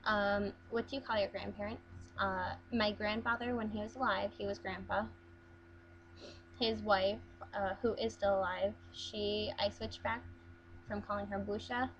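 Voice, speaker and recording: A young vlogger from Las Vegas, USA chats casually to her camera for an accent challenge video, hesitating often with plenty of ums and restarts. Her pitch is ordinary and her tone fairly bright, while the recording sounds a bit muffled over a faint hum.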